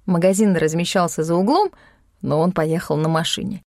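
A woman narrating a first-person novel as an audiobook, calm, wry and even-paced. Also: lowish voice, normal speed, dry recording. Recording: dry close studio sound.

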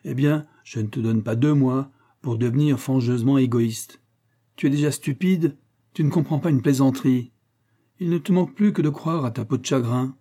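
A man reading the part of a mocking, witty young male friend in an audiobook, teasing in a lively raised voice. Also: mid-range voice, normal speed, lightly acted.

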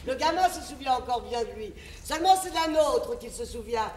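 A woman's voice: high-pitched, lively intonation, normal speed, darkish tone. A blunt, tough travelling trader mother, echoey. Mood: wry, brazen. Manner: blunt, wry, scolding. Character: tough, shrewd mother, travelling war trader, fiercely protective. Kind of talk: theatrical stage acting. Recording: echoey theatre, distant mic, faint noise.

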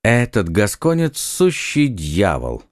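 A man's voice: fairly low pitch, huge pitch swings, takes it slowly, no room sound, studio quality, full character voice. A man reading an audiobook, voicing a stern noble musketeer who speaks curtly and reproves his friends. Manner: curt, reproving.

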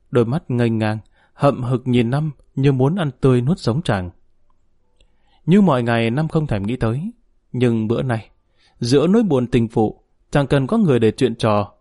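A man's voice: mid-range voice, no echo. Man narrating a novel, dry sound. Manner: steady, measured storytelling. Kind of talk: audiobook narration.

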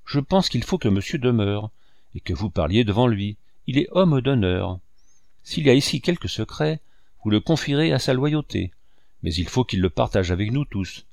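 A man voicing a gentle older male painter who speaks mildly and steadily, with quiet firmness. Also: medium pitch, moderate pace, vocal fry, no echo, studio quality. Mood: firm. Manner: mild and steady.

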